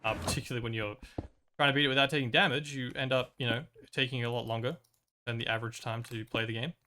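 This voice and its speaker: Recovering from a cold that left him voiceless, a young man rambles casually while playing a game on stream, using many fillers and restarts. He talks fast at medium pitch, steady in tone, with a pushed, bright, slightly worn sound.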